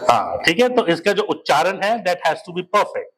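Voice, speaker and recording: An Indian male teacher lectures his class, mixing Hindi and English and slowing right down to dictate notes and spell out key words for students to write down. His voice sits high, very animated and fairly bright, on a low-quality recording.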